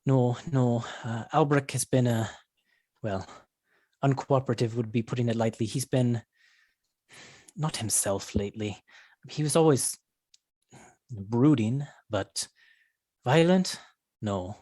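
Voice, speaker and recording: A man voicing a worried, weary dwarf woman who leads a town, speaking haltingly and earnestly in a tabletop game. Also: medium pitch, warm tone, no echo. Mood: troubled.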